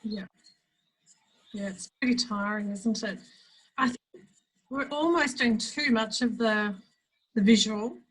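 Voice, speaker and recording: Standing in a home office, a chatty Australian webinar facilitator leads a video-call workshop, frequently starting her sentences over as she explains. Her fairly high, husky voice takes things slowly with long pauses, and the audio is poor.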